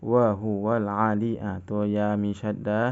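A Quran reading teacher with a low, smooth, resonant voice leads a recitation lesson at normal speed. In a level, even tone, he recites each phrase and then patiently breaks it down. The audio is slightly dull and lo-fi.

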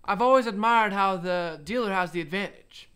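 A menacing outlaw card dealer acted by a man speaks in a notably high voice. He is smug and folksy, taunting with deliberate words, as in a western film. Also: bright, forceful tone, clear, resonant tone. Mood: smooth, taunting.

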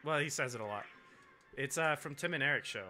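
A man's voice: mid-range voice, fairly quick, pushed and bright. A young man co-hosting a let's play, joking crudely and slipping into goofy voices, with game music behind. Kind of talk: casual gaming commentary.

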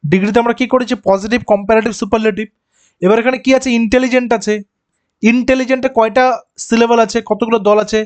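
A man's voice: very high-pitched, fairly even intonation. A man teaching an exam-prep grammar lesson, patiently explaining and posing questions to his students, then answering them himself. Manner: reads example sentences slowly and deliberately.

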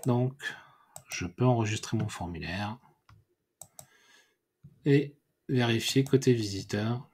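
A man giving a screen-recorded software tutorial, thinking aloud and correcting himself as he clicks through menus. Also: mid-range voice, husky. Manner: unhurried, thinking aloud with many fillers and self-corrections. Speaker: WordPress tutorial instructor.

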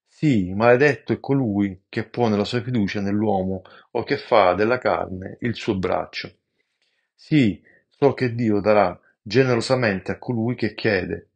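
A man with a lowish voice reads scripture aloud. His delivery is slow, measured and devout, an amateur reader who now and then stumbles and restarts a word. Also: vocal fry, breathy edge. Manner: slow, measured, reverent reading with occasional stumbles. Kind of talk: devotional scripture reading.

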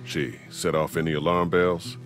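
A deep-voiced protective game hero. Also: male voice, fairly even intonation, extremely slow, heavily acted. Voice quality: protective, gently firm. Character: steady grown man guarding a young girl. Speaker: video game character. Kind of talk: dramatic game voice acting. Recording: faint game music behind.

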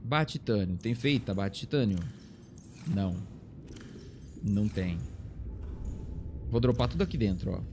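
A man's voice: lowish voice, animated, a little slow, pauses often, background noise. A young man with a Brazilian Portuguese accent streams a survival game live, talking to himself and thanking viewers in chat. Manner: chatty, talks to himself and thanks chat members. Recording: game music playing behind.

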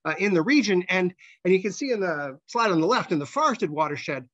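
A man giving a conversational scientific slide presentation as a researcher, halting, with repeated words and false starts. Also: high voice, animated, fairly bright tone, highs cut off.

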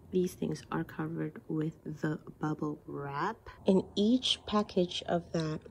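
A young home fitness vlogger speaks in a lower voice as she gives a casual, upbeat product review straight to the camera in her bright living room. Background noise runs under her voice.

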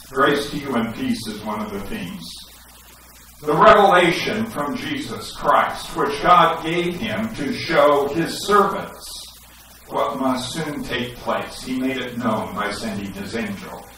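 A middle-aged pastor preaches and reads scripture in a church sanctuary through a headset mic, gesturing and rising to emphatic questions. His mid-range voice is slow, pushed and bright with lively intonation. Recorded from a distance, the echoey sound has a little hiss or hum.

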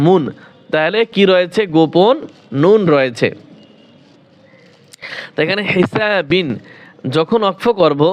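A man teaching Quran recitation rules in a slow, repetitive lesson. He asks questions, answers them himself, and stretches out recited examples. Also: high voice.

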